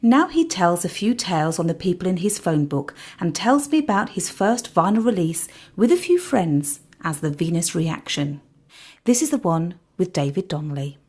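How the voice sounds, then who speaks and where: A woman's voice: lowish voice, moderate pace, husky. A woman hosting a podcast interview, introducing her guest and teasing him with frequent laughs. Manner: lively, laughs often, teasing. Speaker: podcast host.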